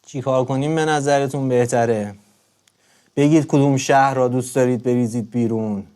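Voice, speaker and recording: A man on a live stream, talking straight to his viewers in an emphatic, repetitive way, swinging between loud urging and low murmuring. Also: steady tone, clean tone. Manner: emphatic, repeats words over and over.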